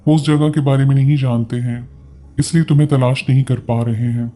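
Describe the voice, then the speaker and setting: A man with a Pakistani Urdu accent reading a first-person story in a steady, earnest way. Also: medium pitch, brisk.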